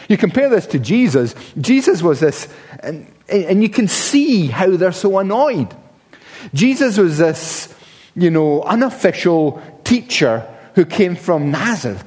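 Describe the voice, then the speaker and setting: A man's voice: on the high side, warm tone. Man preaching in a reverberant hall. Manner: emphatic, with repeated restarts. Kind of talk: sermon. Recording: long reverb of a large hall.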